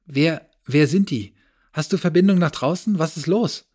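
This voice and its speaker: A man's voice: on the high side, very animated, a little slow, darkish tone, voice pushed up. A man doing a seized man urgently questioning. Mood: alarmed. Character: seized man demanding answers.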